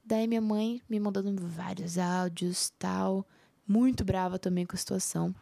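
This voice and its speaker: A young woman with a Brazilian Portuguese accent telling a personal story in a casual vlog, animated and dropping into whispers for emphasis. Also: medium pitch, moderate pace, gravelly, no room sound. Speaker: vlogger.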